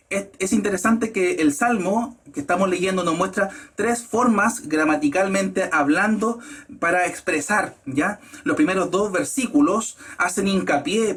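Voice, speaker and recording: Brief: male pastor, high husky voice, measured sermon delivery. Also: a bit bright. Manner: measured teaching, stressing key words with rising pitch.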